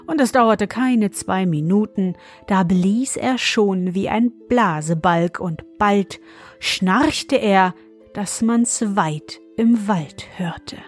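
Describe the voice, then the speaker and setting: Slow, measured woman storyteller, mid pitch, soft music under. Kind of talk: fairy-tale reading.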